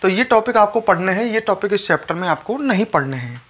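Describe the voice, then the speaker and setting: Fairly quick and lively, this male chemistry teacher's high, somewhat bright voice has a breathy edge. He lectures by repeating every point and speaking straight to his students.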